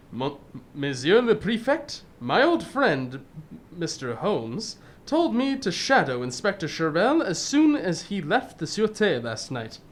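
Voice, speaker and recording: A woman as slow, animated, loyal Doctor Watson. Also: lowish voice, exaggerated voice. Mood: earnest. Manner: earnest, measured storytelling. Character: Holmes's loyal, modest gentleman doctor companion, a man. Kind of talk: old-time radio drama acting.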